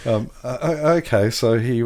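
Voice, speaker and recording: A man co-hosting a podcast in casual chat, halting with restarts and chuckles. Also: medium pitch, darkish tone. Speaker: podcast co-host.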